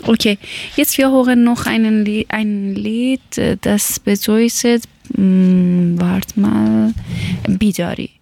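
A woman born in Iran to an Afghan family, speaking as a learner in a slow, hesitant way and often pausing to search for words. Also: mid-range voice, fairly even intonation, creaky, mellow. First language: not German. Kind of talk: casual personal talk.

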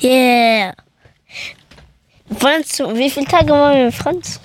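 Higher-voiced woman with quick questions. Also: a little hiss or hum.

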